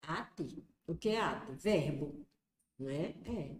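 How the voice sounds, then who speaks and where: A woman's voice: sits low, expressive, slow pace, echoey room. A woman with a Brazilian Portuguese accent teaching an exam prep lesson, explaining step by step and asking and answering her own questions.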